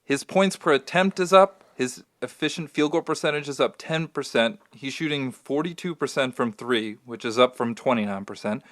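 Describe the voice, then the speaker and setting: A man's voice: mid-range voice, moderate pace, few pauses, a bit bright. A man co-hosting a sports podcast in casual chat, hedging his takes and then backing them with numbers. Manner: hedging, analytical, cites stats. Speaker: podcast co-host.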